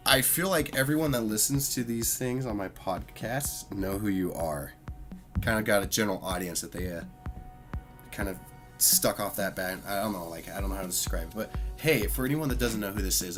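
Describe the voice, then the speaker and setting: A congested man with a somewhat low voice hosts a casual podcast, sick and stuffy-nosed. He rambles in a self-deprecating way. He speaks into a cheap gaming headset, with music clearly playing behind him. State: sick with a plugged nose. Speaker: podcast host. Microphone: gaming headset mic.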